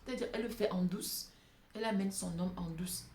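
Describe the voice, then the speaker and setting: Talking to African women, this vlogger from francophone Africa delivers a fiery, improvised monologue full of emphatic repetition. She has a lowish, slightly mellow voice and talks rather quickly, recorded in a reverberant space with background noise.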